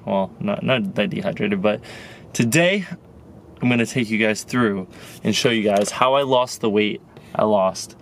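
Low-voiced man chatting to camera. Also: fairly even intonation, moderate pace, a little hiss or hum. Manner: chatty, joking, loose rambling talk. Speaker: vlogger and powerlifter. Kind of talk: casual vlog to camera.

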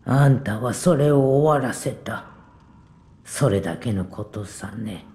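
A woman voicing a weary, blunt but kindly old village woman in a game cutscene, speaking gruffly and unhurriedly with soft whispered asides. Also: a bass voice, animated, slow pace, heavily acted.

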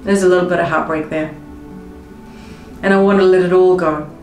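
Woman leading a slow tapping script. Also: fairly low pitch, fairly even intonation, a little mellow. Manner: slow, repetitive, emotive affirmations. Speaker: tapping coach. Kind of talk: guided tapping script spoken in first person. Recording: roomy with faint music behind.

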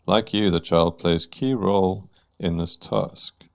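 A man reading a slow grand troupe master. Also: deep voice, fairly even intonation, vocal fry, heavily acted. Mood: grandiose. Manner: slow, stately, theatrical.

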